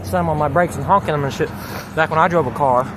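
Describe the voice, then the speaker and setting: High voiced guy out of breath on a bike, cussing and rambling, super windy noisy mic. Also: quick pace. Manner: profane, ranting, repeating filler phrases. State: exhausted, winded from riding. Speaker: cycling vlogger. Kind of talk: rambling casual vlog while riding a bike. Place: outdoors on a moving bicycle along streets. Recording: loud wind noise on the mic. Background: wind and vehicle noise.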